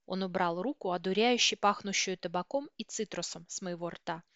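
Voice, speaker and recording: A woman reading a first-person novel aloud with steady, tense storytelling. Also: on the low side, fairly quick, dry recording, dull audio. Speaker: audiobook reader.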